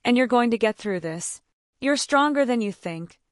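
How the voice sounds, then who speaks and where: A woman voicing a protective female friend in a narrated story, low, calm and firm. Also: moderate pace, no room sound, studio quality, lightly acted. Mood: gentle.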